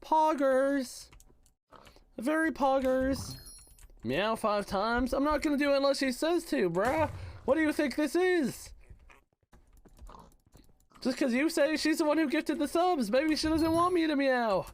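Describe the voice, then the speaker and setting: A man's voice: extremely high pitch, normal speed, slight background noise. A man streaming a game who chats casually, reads out and teases his chat, with a voice he says is worn out. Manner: playful, teasing, slangy gamer talk. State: voice worn out, slightly hoarse. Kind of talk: casual livestream chat, reading chat aloud.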